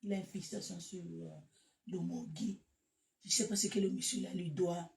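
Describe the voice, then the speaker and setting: A woman with a Cameroonian French accent talks casually to her followers in a gravelly voice. She is animated and breaks into loud bursts. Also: lowish voice, normal speed, slight background noise. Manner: animated, laughs loudly, shifts to loud bursts. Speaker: social media live host. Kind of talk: casual live chat to followers.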